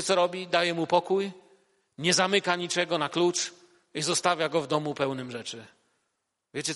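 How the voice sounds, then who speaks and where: A man's voice: on the high side, fairly bright tone. Male preacher in an echoey hall. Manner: addresses listeners directly with questions. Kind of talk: sermon with a read-aloud passage.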